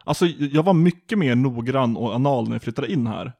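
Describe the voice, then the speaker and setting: Gravelly young man, dry. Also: mid-range voice, animated, mellow. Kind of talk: casual chat.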